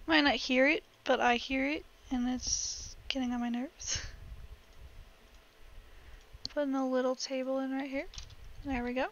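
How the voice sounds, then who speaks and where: Here a young woman vlogs while building in a game, chatting and rambling with giggles as her voice sometimes cracks. Her pitch is high and steady, her delivery a little slow with long pauses. Sound is dull, with a bit of background noise.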